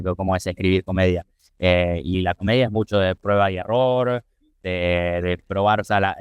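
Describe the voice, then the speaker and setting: A man with a lowish, smooth voice, recorded close and dry. He talks through his ideas slowly, circling back with fillers and restarts as he explains his craft in a casual interview. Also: dry recording. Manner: thoughtful, many fillers and restarts. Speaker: guest comedian.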